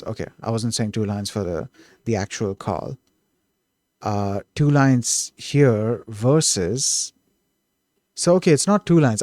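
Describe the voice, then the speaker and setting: A man working through code on a live stream, thinking out loud in an eager, self-correcting way. His voice sits at an ordinary middle pitch and sounds close and dry, with no room behind it. He often breaks off and restarts a thought. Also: dry recording. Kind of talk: thinking aloud while coding.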